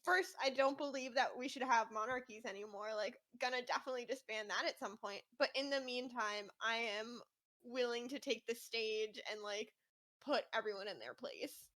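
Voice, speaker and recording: A woman with a higher voice and a bright, sharp tone co-hosts a book discussion podcast. She talks casually and emphatically, with many fillers. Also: moderate pace. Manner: chatty, emphatic, filler-heavy. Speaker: podcast co-host.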